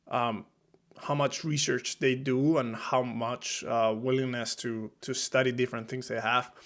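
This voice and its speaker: A man's voice: medium pitch, fairly bright tone. A young man from Spain with a Spanish accent, talking loosely and reflectively in a solo podcast, with many fillers and restarts. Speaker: podcast host, strength coach.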